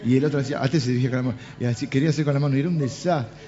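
Here a middle-aged man speaks rapid-fire at a medium pitch, his Rioplatense Spanish accent clear as he spins comic sermon anecdotes in church. Jokes and asides pepper his lively telling, and the audio is dull and lo-fi with faint music.

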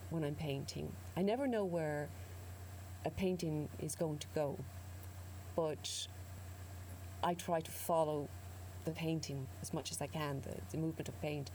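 Low, mellow woman with west of Ireland Kerry accent. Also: creaky, a little hiss or hum, low-quality recording. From North Kerry, Ireland. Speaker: painter, interview guest. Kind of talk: reflective interview talk.

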